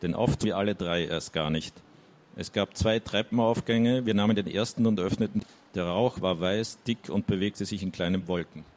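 A man's voice: on the low side, normal speed, darkish tone. A man reading a first-person novel aloud, with hesitant asides when summarizing. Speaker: audiobook reader.

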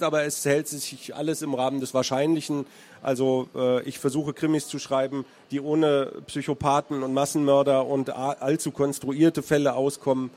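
Reading from his own crime novel before taking questions, a man from Hesse in Germany fills his answers with hesitant fillers. His voice sits in the mid-range and has a somewhat dark tone.

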